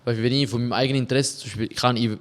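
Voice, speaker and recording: Hesitant Swiss German explainer. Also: male voice, mid-range voice, fairly even intonation, rapid-fire. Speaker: podcast co-host. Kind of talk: casual chat.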